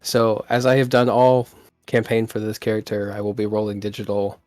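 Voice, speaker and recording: A man playing a tabletop game, describing his character's actions in a hesitant way with many pauses. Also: on the low side, fairly even intonation, darkish tone, dry recording, clean studio sound, soft background music. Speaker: player.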